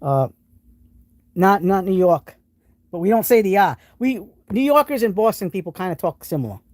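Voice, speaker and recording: A New England man from the United States hosts a live tool stream, showing tools and answering chat with rambling enthusiasm and frequent restarts. His high voice is very animated and moves at a moderate pace, recorded clean in a studio with no room sound.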